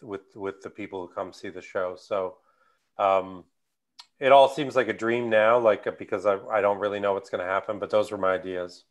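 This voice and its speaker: Brief: American man, low-pitched, halting delivery full of ums, remote panel speaker. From United States Midwest. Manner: hesitant, many fillers and restarts. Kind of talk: conference talk answering questions.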